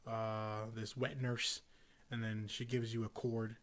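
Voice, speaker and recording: A man's voice: fairly low pitch, level tone, slow pace. Young male podcast co-host, casual, rambling, filler-heavy. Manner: rambling, filler-heavy, acts out game characters in silly voices. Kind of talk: casual chat.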